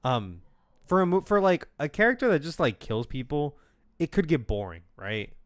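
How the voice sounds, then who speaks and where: A man's voice: fairly high pitch, very animated, normal speed, dry recording, studio quality. A young man co-hosting a casual film-review podcast, chatty with lots of fillers, reading plot summaries aloud. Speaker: podcast co-host.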